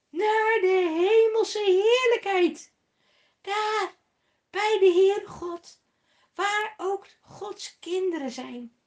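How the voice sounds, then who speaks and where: Woman, children's Bible storyteller, high voice, slow deliberate pace, emphatic, rhetorical questions.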